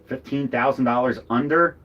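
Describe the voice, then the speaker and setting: A man from Northeast Philadelphia, with a Philadelphia accent, co-hosts an RV vlog and chats casually on a livestream from inside his RV, rambling and cracking jokes. His voice is medium-pitched at normal speed, and the audio sounds dull.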